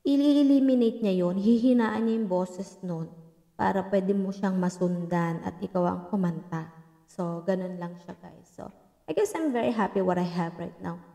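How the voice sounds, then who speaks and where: A woman's voice: medium pitch, measured pace, gravelly, dark tone. A woman vlogger chatting casually while demoing a portable sound card into her microphone, mixing English in with many fillers. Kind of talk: casual tech demo chat.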